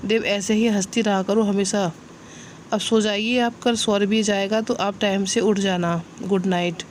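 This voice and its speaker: A man's voice: sits high, little pitch movement, a little slow, slight background noise. A woman voicing an affectionate young man who teases and reassures his fiancée in a storybook reading. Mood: tender. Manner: playful, reassuring.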